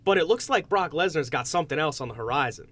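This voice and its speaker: Higher-voiced man hosting casual sports talk. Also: lively intonation, fast talker, a bit bright, slight background noise. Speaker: podcast host.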